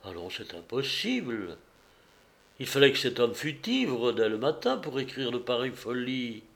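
A man's voice: mid-range voice, very animated, normal speed. A man reading aloud and voicing a puzzled Roman magistrate muttering to himself. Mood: scornful. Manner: muttering, quiet.

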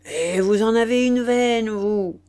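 A woman reading aloud and voicing a boastful, smooth-talking aristocratic marquis with emphatic bluster. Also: high-pitched, sing-song, slow pace, full character voice. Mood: indignant.

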